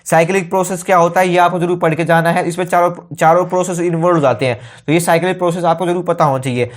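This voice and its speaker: A young man teaching exam tips in a brisk, informal way, often saying okay. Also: high-pitched, fairly even intonation.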